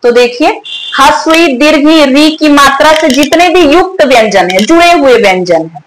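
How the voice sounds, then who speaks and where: A woman teaching a Hindi grammar lesson, repeating example words slowly to show where the stress falls and asking the students questions. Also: sits high, animated. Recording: echoey room with faint ambient noise.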